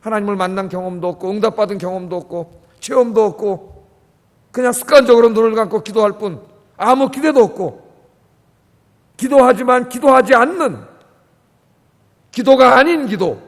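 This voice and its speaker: A man preaching in a church sanctuary, his high voice carrying a long reverb through the room. He is impassioned, dropping to quiet asides and rising to loud pleading. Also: moderate pace, long pauses. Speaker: pastor. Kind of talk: sermon.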